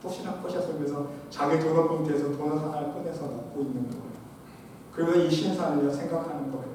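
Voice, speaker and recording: A man's voice: on the high side, steady tone, fast talker, a little hiss or hum. Male pastor preaching in an echoey church. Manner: emphatic preaching, swinging between loud exhortation and quiet asides; addresses the congregation often. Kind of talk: sermon. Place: church sanctuary. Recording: echoey church hall, preacher far from mic.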